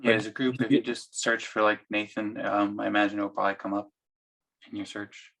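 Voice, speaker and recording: A gravelly, raspy-voiced man from the United States speaks over a video call. His delivery stays flat and level, and his tone is bright and a little tense. He hesitates often and fills the gaps with ums. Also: fairly low pitch, a little fast, low-quality recording. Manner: hesitant, with many fillers. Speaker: meeting participant and presenter. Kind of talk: casual video-call meeting.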